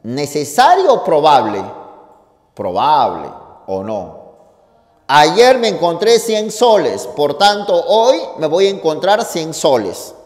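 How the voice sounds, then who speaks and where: A man's voice: fairly high pitch, takes it slowly. A male teacher giving a lesson, asking questions and answering them himself. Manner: lively, asks and answers his own questions. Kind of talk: lecture. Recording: echoey room with long reverb.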